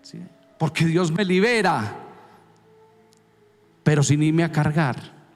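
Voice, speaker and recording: Man preaching a sermon, a bit high in pitch, punchy and chatty, long church reverb. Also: slow pace. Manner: emphatic, conversational preaching with repeated questions. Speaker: pastor.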